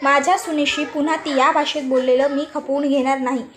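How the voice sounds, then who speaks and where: A woman voicing a stern middle-aged mother-in-law who speaks in a measured, reproachful way. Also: high voice, fairly even intonation, a bit bright.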